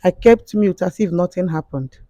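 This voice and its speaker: A woman telling a personal story as a confessing guest, halting often with fillers and restarts. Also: on the low side, expressive, dark tone, no room sound, studio quality. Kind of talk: emotional spoken testimony.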